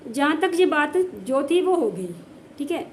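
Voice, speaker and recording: A woman's voice: sits high, lively intonation, unhurried, a little hiss or hum. A woman from the Jammu region, a village housewife vlogger, telling a story in a casual way and repeating phrases for emphasis.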